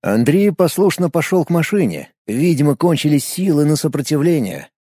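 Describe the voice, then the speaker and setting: A man reading an audiobook with expressive storytelling. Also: on the high side, normal speed, no room sound, clean studio sound. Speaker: audiobook narrator. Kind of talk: scripted narration.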